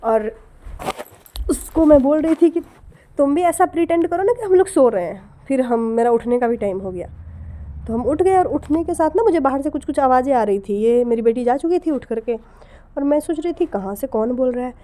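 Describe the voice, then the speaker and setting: A woman in her thirties, hoarse from a cold with a scratchy throat, chatting to viewers in a casual vlog. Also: high-pitched, animated, normal speed, dark tone. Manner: chatty, talks straight to viewers. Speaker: vlogger.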